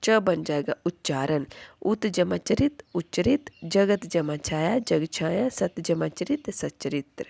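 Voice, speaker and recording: A woman teaching grammar at an unhurried pace. Her voice is low and has a gravelly edge. She keeps turning each rule into a question and answering it. The recording is dry, with no room sound. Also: expressive, dark tone, dry recording. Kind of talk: Hindi grammar lesson.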